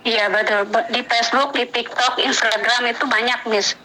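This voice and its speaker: A woman's voice: a little high, fairly even intonation, normal speed, sharp tone, slight background noise, poor audio. A woman in her thirties answering interview questions, hesitant, with many fillers, often agreeing. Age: 30s. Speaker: guest.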